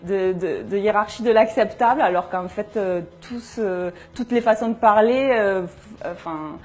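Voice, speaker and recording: A woman's voice: mid-range voice, measured pace, darkish tone. A young woman giving a personal testimony in an interview, speaking in a reflective, hesitant way as she searches for words.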